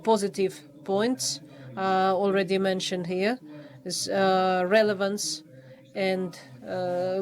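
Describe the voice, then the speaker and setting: A Polish man acting as the official reviewer at a thesis defense reads his formal review in English. His delivery is halting, full of hesitations, pauses and false starts, and his pitch stays flat and level throughout.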